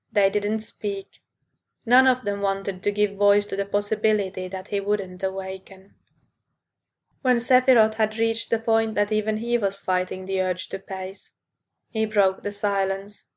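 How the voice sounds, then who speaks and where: A woman reading a fan fiction story aloud, narrating in an unhurried way and lifting her voice for the characters' lines. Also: mid-range voice.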